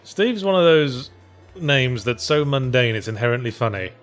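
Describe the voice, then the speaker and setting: A man commenting on a video game in casual chat, with dry, sardonic, quick jokes. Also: medium pitch, animated, faint music behind. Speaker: let's play commentator.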